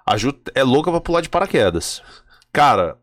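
A Brazilian man chatting casually as a host, telling animated stories full of slang and acting out what people said. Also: medium pitch, moderate pace. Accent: Brazilian Portuguese. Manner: animated storyteller, slangy, acts out dialogue. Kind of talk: casual chat.

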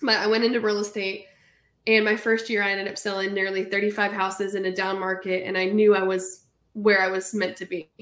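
A woman in her thirties from California, an entrepreneur guest telling her story in an animated, chatty way. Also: medium pitch, a little fast, echoey room. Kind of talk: casual interview storytelling.

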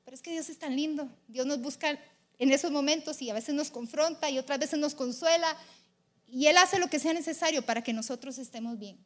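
Young woman preacher, high voice, lively and confessional. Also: brisk. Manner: animated and confessional, shifting between loud and hushed. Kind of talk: sermon.

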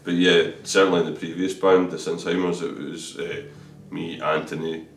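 This is a deep-voiced Scottish drummer, a guest in a casual interview, chatting candidly and often stammering into restarts. His pitch barely moves, his pace is moderate, and there's some vocal fry. He's recorded from a distance in an echoey room with slight background noise.

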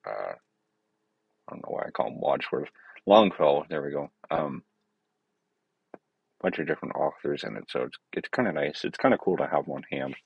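A man's voice: a bass voice, expressive, moderate pace, vocal fry, pauses often, slightly rough, dry recording, muffled recording. A man hosting his own podcast, talking in a meandering, hesitant way with many fillers and self-corrections. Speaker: podcast host. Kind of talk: rambling casual monologue.

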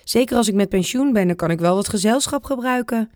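A woman's voice: on the high side, lively intonation, fairly quick, a little mellow, no echo, studio quality, voice pushed up, lightly acted. A woman voicing a cheerful, joking old grandfather in a read-aloud children's storybook. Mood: excited.

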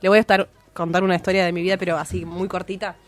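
A young woman from Russia, a native Russian speaker, chatting as a guest in a radio studio and teaching phrases slowly. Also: fairly low pitch, level tone, a little hiss or hum. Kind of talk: casual radio chat.

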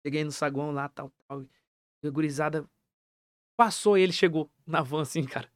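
A man telling a story in casual slang, animated and excitable, acting out what others said. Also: on the high side, dry recording, studio quality. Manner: animated, quick and excitable, acts out quotes.

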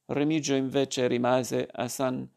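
A man narrates a literary story in a measured, plain reading. His voice sits at a middling pitch, with a gravelly, creaky texture running through it. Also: level tone, darkish tone.

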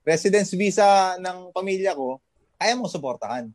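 A man's voice: sits high, animated, moderate pace, dry recording. A man from the Philippines, a fitness trainer working abroad, chatting casually as a podcast guest in a motivational way, full of fillers and tag questions.

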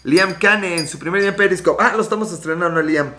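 Casting note: Mexican male streamer, late 30s, bright, slightly high voice, rambling and profane. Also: fast talker, a little hiss or hum. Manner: rambling, scattered, swears often. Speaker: livestream host. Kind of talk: casual live chat reading comments.

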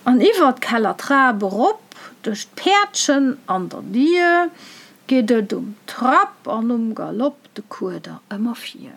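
A woman reciting a rhyming dialect tale in a measured, rhythmic way. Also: fairly high pitch, very animated, creaky. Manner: measured, rhythmic verse delivery. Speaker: storyteller.

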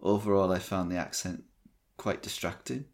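A man co-hosting a podcast, giving measured, critical film opinions with frequent hesitations. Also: sits low. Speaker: podcast co-host. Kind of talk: casual film discussion.

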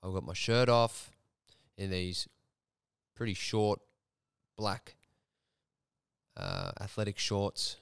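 Young man, podcast host, frank and sweary, smooth resonant tone, low pitch. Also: huge pitch swings, slow pace, pauses often, no echo, clean studio sound. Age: young adult. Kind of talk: candid personal storytelling.

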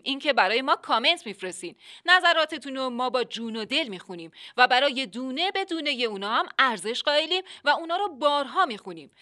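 Woman, narrator and host, comic radio drama, chatty, flustered, bright tone, slightly high.

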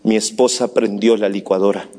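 A middle-aged man preaching a sermon as a pastor, moving from soft storytelling to near-shouting. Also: on the low side, fairly even intonation, moderate pace.

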